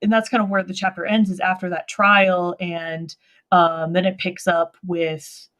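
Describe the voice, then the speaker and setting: A woman's voice: on the low side, little pitch movement, unhurried, a bit bright. A woman hosting a casual book discussion, chatty and hesitant, with many fillers as she recalls chapters. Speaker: host.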